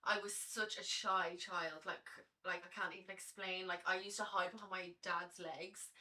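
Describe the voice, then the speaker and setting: Bright-voiced young Irish woman chatting. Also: fairly low pitch, normal speed, distant mic. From Ireland. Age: early 20s. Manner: chatty and animated, lots of fillers. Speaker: guest, Latin dancer. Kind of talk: casual podcast chat.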